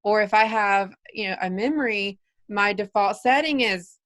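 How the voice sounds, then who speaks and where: A woman's voice: mid-range voice, moderate pace, a bit bright. A woman in her forties hosting a podcast, talking in an earnest, coaching way and probing her guest with questions. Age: 40s. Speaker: podcast host. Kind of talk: casual interview.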